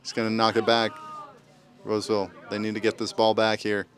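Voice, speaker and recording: A man's voice: lowish voice, completely flat delivery, fairly quick. A man giving casual, joking live play-by-play commentary on an amateur soccer match. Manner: joking, informal, tries bits of Spanish.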